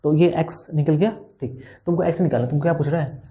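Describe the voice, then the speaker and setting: A man doing A young Indian tutor talks students through word problems in a casual, joking way. His voice is tired and quiet, with a warm, dark tone. He speaks close to the mic. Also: fairly high pitch. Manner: chatty, teasing, talks straight to students, reads problem text aloud slowly. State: tired, speaking softly after a full day of recording. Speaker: maths tutor. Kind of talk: casual classroom explanation while writing on a board.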